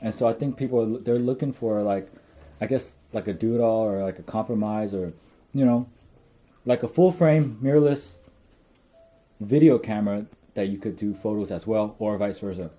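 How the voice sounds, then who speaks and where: A man's voice: fairly low pitch, moderate pace, dark tone. A young man co-hosting a casual chat, joking and loose, full of fillers like "like" and "you know.". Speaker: co-host.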